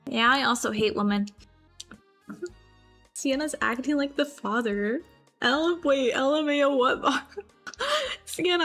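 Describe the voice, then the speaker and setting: Woman streamer, high voice, playful and giggly, faint background music. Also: fairly bright tone. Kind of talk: casual chat with viewers. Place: grandmother's house.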